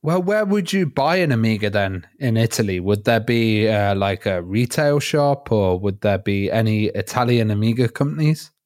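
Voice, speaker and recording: A man's voice: lowish voice, expressive, normal speed, hardly any pauses, a little mellow, dry recording, clean studio sound. A man interviewing a guest in a casual chat, asking hesitant questions with many fillers.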